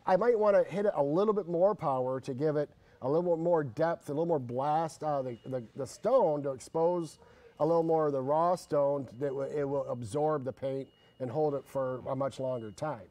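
A middle-aged man hosting a workshop, talking casually in a slightly monotone, rambling way with restarts. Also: fairly high pitch, moderate pace. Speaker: workshop host. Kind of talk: casual instructional talk.

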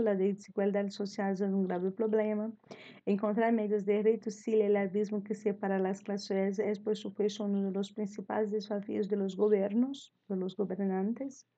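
A woman teaching Spanish online with a Brazilian Portuguese accent, talking in a chatty way and doubling back on her words as she goes. Her voice is warm and relaxed. The audio is a little muffled and dull, like a streamed lesson. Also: mid-range voice. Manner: chatty, thinks aloud with fillers and repeated words. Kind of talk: online class lecture.

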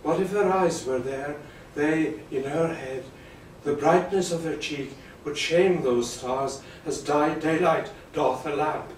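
Hushed, rapturous Romeo, as a man recites him. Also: fairly high pitch, slow, few pauses, a little hiss or hum. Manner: soft, hushed verse delivery. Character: young male lover, rapturous and tender. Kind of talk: Shakespeare stage recitation. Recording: very echoey room, distant mic.

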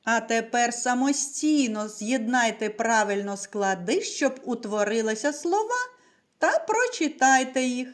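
A woman teacher giving a recorded lesson to young children, speaking slowly and clearly and answering her own questions. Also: a little high, lively intonation. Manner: slow, carefully articulated, asks and answers her own questions.

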